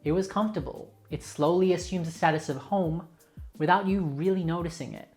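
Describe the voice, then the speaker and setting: A woman's voice: fairly low pitch, brisk, a little mellow, faint music behind. A young Australian woman narrating her vlog in a frank, outspoken, opinionated way. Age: young adult. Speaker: vlogger.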